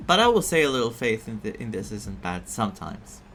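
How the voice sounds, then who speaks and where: Brisk and fairly low-pitched, with big pitch swings and a bright tone, this streamer rambles through a story game over its music. A bit of hiss or hum is audible. He uses plenty of fillers and mocks the vague fortune-telling in put-on voices.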